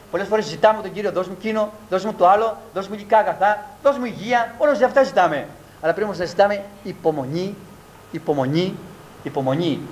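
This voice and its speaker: Higher-voiced man preaching slowly with emphasis. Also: rough recording. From Greece. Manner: slow, emphatic, repeats key words with falling pitch. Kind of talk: sermon with closing prayer. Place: church hall.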